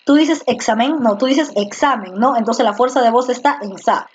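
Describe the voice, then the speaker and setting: A woman with a fairly high pitch and moderate pace teaches an online class, patiently repeating words and testing her students. Her computer microphone in the video class gives slightly muffled, lo-fi sound.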